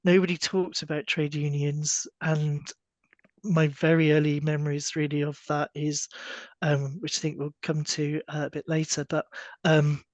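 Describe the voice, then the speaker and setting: Man from West England, union rep, reflective, lots of fillers, fairly high flat voice. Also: normal speed, no echo. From West England near the Welsh border. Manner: reflective, many fillers like "kind of". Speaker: library union representative. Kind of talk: panel discussion.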